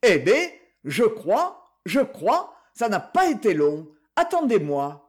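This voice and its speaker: Man playing a flustered old shoemaker uncle, grumbling, high voice. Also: huge pitch swings, slow, full character voice.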